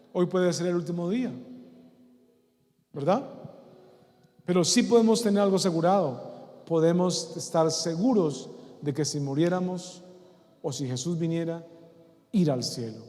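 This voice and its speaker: A man's voice: sits high, mellow. A male pastor preaching a sermon, often putting questions to the congregation and repeating key words. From Colombia. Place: church hall. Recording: long church hall reverb.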